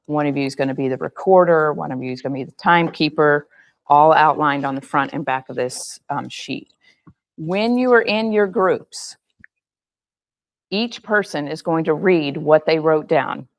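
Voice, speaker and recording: A woman's voice: low voice, steady tone, moderate pace. A woman who is losing her voice, giving a meeting group directive step-by-step instructions. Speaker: meeting facilitator. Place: meeting room.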